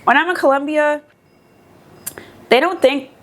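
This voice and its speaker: A woman's voice: high-pitched, a little slow. A young woman from the United States talking casually and animatedly in a vlog, with many fillers. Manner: animated, chatty, lots of fillers. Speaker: vlogger. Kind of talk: casual chat.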